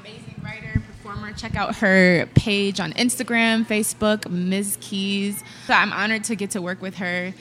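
A woman's voice: medium pitch, fairly even intonation, moderate pace, a bit bright, soft background music. A woman hosting a podcast in a casual, upbeat and emphatic conversational way. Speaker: podcast host, singer.

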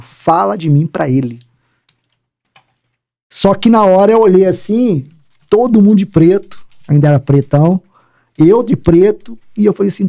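A man, a police sergeant telling a personal faith story in an interview, acting out dialogue and sinking very low at emotional points. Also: creaky, warm tone. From Rio de Janeiro, Brazil. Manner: emphatic storyteller who acts out dialogue and drops very low in emotional moments.

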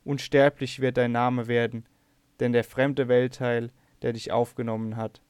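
Serene love goddess, male reader, hushed and consoling, flat pitch, dry. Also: measured pace, clean tone, no echo, close to an everyday voice. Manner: soft, quiet and calm. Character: smiling goddess of love, gently comforting.

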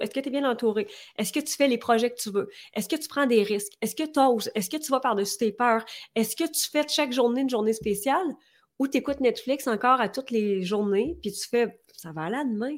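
A woman's voice: fairly high pitch, brisk. A woman in her forties with a Quebec French accent, earnestly talking as a guest in an interview and firing off rhetorical questions. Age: 40s. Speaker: podcast guest. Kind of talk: conversational interview.

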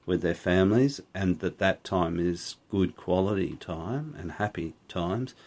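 A man co-hosts an unscripted podcast in a small recording studio, speaking into a studio microphone. His deep, darkish voice is a little slow, and he rambles, corrects himself and laughs often.

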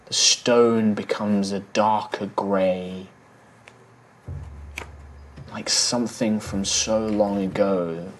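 A man working as game master, giving measured, atmospheric descriptive narration for a tabletop game. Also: on the low side, slight background noise.

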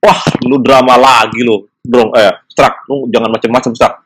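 A man's voice: mid-range voice, level tone, moderate pace, a bit bright, breathy edge, no echo. Man doing a brash, fed-up young buddy. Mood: exasperated. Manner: scolding, blunt. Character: exasperated young male friend, brash.

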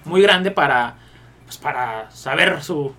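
A man's voice: a little high, animated, slow, pushed and bright. A man with a Mexican accent co-hosting a casual podcast panel, rambling and peppering his talk with crude slang. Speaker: podcast co-host.

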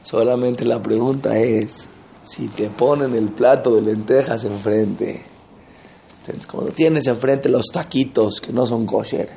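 A man giving an animated sermon, telling stories and asking the audience rhetorical questions. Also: medium pitch, measured pace, gravelly, a little hiss or hum. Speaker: religious teacher.

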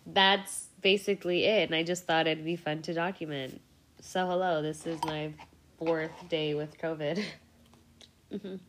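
A woman's voice: low voice, steady tone, a little slow, a bit bright, a little hiss or hum. A young woman hosting a casual solo podcast, sick and rambling, swearing freely and laughing often. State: sick with a cold, congested voice. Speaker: podcast host.

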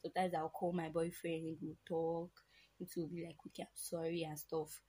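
A woman's voice: sits low, flat delivery, normal speed, dark tone. A young woman, a student mother, telling her story earnestly, with hesitant restarts. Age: young adult. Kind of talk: personal story in an interview.

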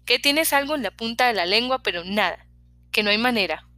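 Chatty young hairdresser, prying and lively, bright tone ; a woman reader doing her. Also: a little high, a little fast, dry recording. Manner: talkative, prying, lively questions.

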